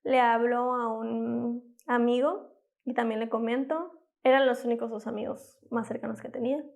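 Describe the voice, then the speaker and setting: A woman in her twenties gives her personal testimony as a former patient in an interview, retelling events lively and acting out the quoted dialogue. She speaks at a moderate pace in a slightly high, gravelly voice, with many fillers and self-corrections.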